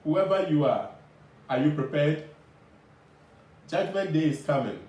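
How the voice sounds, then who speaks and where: A man singing a solemn, repetitive gospel warning in drawn-out phrases. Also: a little high, expressive, a little mellow, highs cut off. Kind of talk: slow sung gospel refrain about judgment. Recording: very echoey, distant mic, faint noise.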